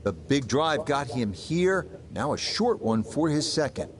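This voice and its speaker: A man's voice: a little high, lively intonation, unhurried, a little hiss or hum. Man calling golf shots. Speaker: golf commentator. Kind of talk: play-by-play commentary.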